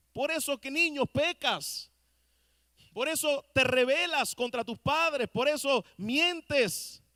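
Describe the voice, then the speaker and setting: A man's voice: very high-pitched, fairly bright tone, dry recording, clean studio sound. A man preaching a sermon as pastor, speaking straight to his listeners and asking the congregation questions. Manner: asks the congregation rhetorical questions; addresses listeners directly and earnestly. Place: church.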